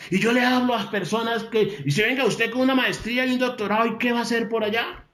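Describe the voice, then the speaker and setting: A man delivering a motivational talk in a high, emphatic voice. He hammers on key phrases, repeating them and slowing down to let them land. The sound carries a noticeable room echo. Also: fairly bright tone. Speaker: motivational speaker.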